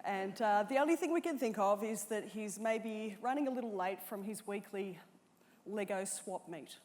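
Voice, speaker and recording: A woman's voice: mid-range voice, normal speed, big-room sound. A woman co-hosting a live show in a theatre, announcing in an upbeat, cheerful way. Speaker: co-host. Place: large theatre with a live audience. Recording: live theatre with loud crowd and music.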